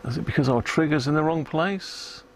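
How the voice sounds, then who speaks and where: Fairly high-pitched and speaking at a normal speed, a British man mutters casual commentary over his live repair stream, frequently ending remarks with tag questions. There's slight background noise.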